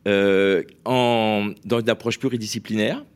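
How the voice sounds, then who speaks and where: A man's voice: lowish voice, fairly even intonation, unhurried, smooth. A man explaining research findings in a radio interview, hesitant, with many fillers and restarts. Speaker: researcher guest.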